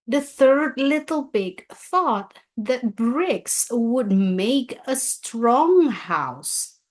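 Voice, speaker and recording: A woman reads a children's story aloud, deliberate and expressive as a storyteller, her voice a little high.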